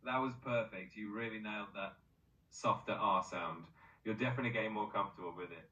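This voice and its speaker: A man's voice: fairly low pitch, fairly quick, bright, forceful tone, roomy sound, recorded from a distance, highs cut off. A male-sounding AI voice assistant coaching pronunciation, upbeat and encouraging with frequent praise.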